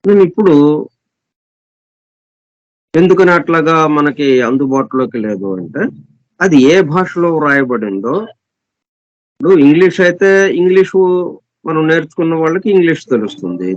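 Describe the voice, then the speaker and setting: A man giving an explanatory scripture lesson as a spiritual teacher, repeating and listing synonyms slowly and deliberately, reading English passages very slowly. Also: a little high, lively intonation, dry recording. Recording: dull, dry lo-fi recording.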